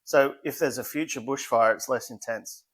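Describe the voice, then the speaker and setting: Husky and fairly bright, the mid-range voice of an Australian fire safety specialist in his forties moves at a moderate pace. A modest guest in a casual interview, he keeps things plain, restarting hesitantly now and then.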